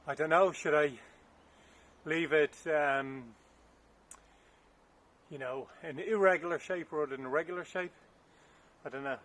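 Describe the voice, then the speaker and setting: A man's voice: fairly high pitch, fairly even intonation, a little slow, pauses often, fairly bright tone. A man vlogging from his garden while digging, out of breath, chatting casually and thinking aloud with unsure asides, picked up by a camera on a stand. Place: garden outdoors, windy.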